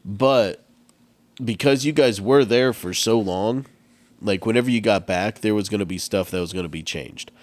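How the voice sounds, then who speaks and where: A man's voice: fairly low pitch, moderate pace. A man with a stuffed-up nose, chatting casually as a game master and rambling through restarts and fillers. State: congested, stuffed up. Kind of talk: casual podcast chat.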